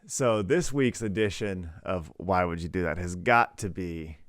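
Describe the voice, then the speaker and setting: A man in his thirties co-hosts a podcast and tells relaxed stories full of fillers. His voice sits fairly low. It sounds close and dry, with no room around it. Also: a little slow, dry recording. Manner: relaxed storytelling, many fillers. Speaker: podcast co-host. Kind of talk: casual chat.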